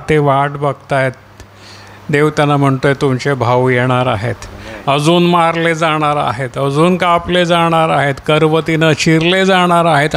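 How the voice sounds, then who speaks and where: A male pastor preaching a sermon, questioning his listeners and echoing the reader's words, climbing high and fervent as he voices the martyrs' plea. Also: a bit bright, slight background noise. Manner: rising to a high, impassioned pitch when voicing the martyrs' cry; asks the congregation questions and echoes the reader.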